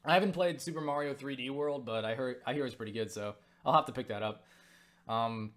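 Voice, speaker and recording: Speaking a little fast in a medium-pitched voice, a young man answers viewer questions in a relaxed vlog. He rambles through many fillers and restarts, swears without much thought, and gets animated when excited.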